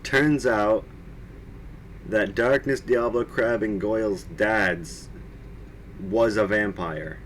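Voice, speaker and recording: A man's voice: lowish voice, slow pace, pauses often, a little hiss or hum, rough recording. A man reading fan fiction aloud on a live stream, with mocking asides, frequent laughter and swearing. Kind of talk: casual comedic dramatic reading.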